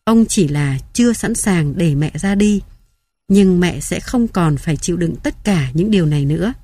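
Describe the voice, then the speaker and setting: A woman narrator voicing a grown daughter softly pleading with her dying mother in an audiobook. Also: on the low side, lively intonation, moderate pace, dry recording. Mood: tender. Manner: soft, pleading.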